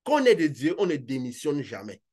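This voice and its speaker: A man's voice: a little high, very animated, fairly quick, darkish tone, husky. Earnest French-speaking male preacher. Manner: earnest, repetitive, rising and falling emphasis. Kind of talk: sermon.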